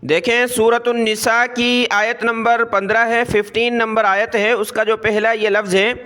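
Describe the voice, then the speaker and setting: A man with a Pakistani Urdu accent gives a tajweed lesson, breaking difficult Quranic words into letters and vowel marks. His voice sits high and sounds bright and very clear. He draws out the recited words slowly and explains each rule at a quicker clip. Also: flat delivery. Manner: slow drawn-out recitation of words between brisk explanations. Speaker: Quran reading teacher.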